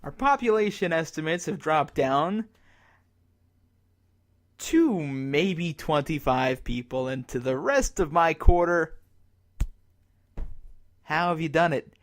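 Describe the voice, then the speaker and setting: Playing a despairing emergency radio broadcaster in a zombie apocalypse drama, the actor uses an expressive voice that sits on the high side. The announcer's monologue is bitter, halting and sardonic, and he keeps berating himself.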